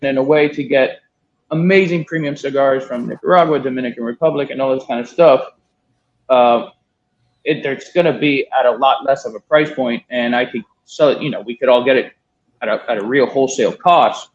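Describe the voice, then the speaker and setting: A Miami man in his thirties, a guest who imports cigars, tells a long story during a casual interview, occasionally swearing and quoting other people. His voice sits in the mid range and moves fairly quickly. The recording has a dull, lo-fi sound.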